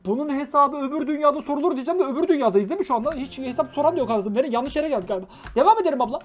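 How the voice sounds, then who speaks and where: High-pitched guy streaming a story game, chats to viewers, jokes a lot, yells and swears sometimes. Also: very fast. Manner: joking and excitable, bursts into shouting and swearing. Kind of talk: live-stream play-through, reading a story game aloud and chatting.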